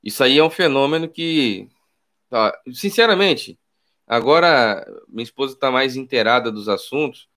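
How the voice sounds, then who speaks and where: A political YouTuber from Rio de Janeiro, Brazil, with a Carioca Brazilian Portuguese accent, gives casual commentary on his channel beside his wife. His medium-pitched, fairly bright voice is animated at normal speed, emphatic and slangy, and he repeats key phrases.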